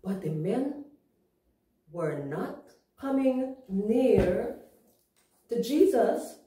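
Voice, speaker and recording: A woman teaching young children a Bible story, explaining things simply and asking them gentle questions. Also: a little high, sing-song, drawn-out words. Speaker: Sabbath school teacher. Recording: echoey room, far from mic.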